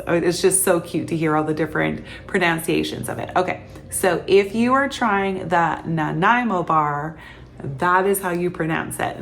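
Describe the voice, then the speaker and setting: Chatty Canadian woman, tired, laughs a lot, lowish voice, faint room hum. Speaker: vlogger. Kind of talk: casual chat to camera.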